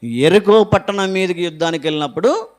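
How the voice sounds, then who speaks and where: A preacher voicing a stern God, low and scolding. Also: male voice, expressive, a little fast. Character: stern divine voice rebuking a leader.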